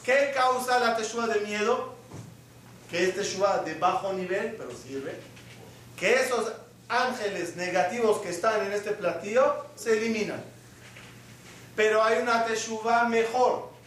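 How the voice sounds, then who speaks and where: Male rabbi, sermon, high voice, quizzes the congregation, far off in a reverberant hall. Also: unhurried, a bit bright, a little hiss or hum. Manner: asks the audience questions and acts out little scenes. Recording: echoey hall, mic from afar.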